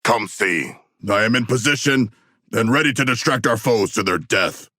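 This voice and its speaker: An actor voicing a hulking, earnest, battle-hungry shark brute in a video game, with a rough, gravelly voice and formal, articulate, literal-minded diction. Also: male voice, medium pitch, animated, normal speed, sharp tone, no room sound, studio quality. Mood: calm, earnest. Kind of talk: video game character voice lines.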